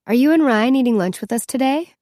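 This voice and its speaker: A woman's voice: high voice, animated, fast, no echo, clean studio sound, voice pushed up. A woman voicing fed-up teen girl Laurel. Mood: casual. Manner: sharp, exasperated yelling.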